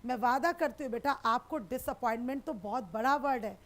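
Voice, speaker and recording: A woman teaching sociology, chatting with students in a live online class and reassuring them warmly. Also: fairly high pitch, a little fast. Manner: affectionate, reassuring, calls students beta.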